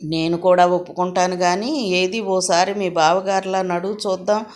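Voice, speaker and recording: A woman reading as an eager, gentle elder sister. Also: lowish voice, fairly even intonation, normal speed, close to an everyday voice. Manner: eager, warm-hearted.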